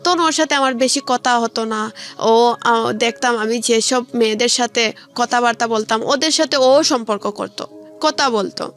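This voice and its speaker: In a radio studio with background music, a young woman with a Bangladeshi accent tells her life story colloquially, often quoting conversations directly. Her voice sits on the high side and she talks at a normal speed.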